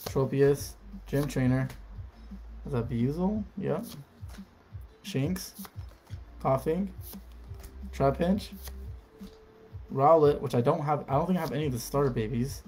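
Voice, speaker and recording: A man's voice: medium pitch, unhurried, long pauses, a little mellow, faint music behind. A man chatting casually on a live stream, reading out card names and talking to viewers.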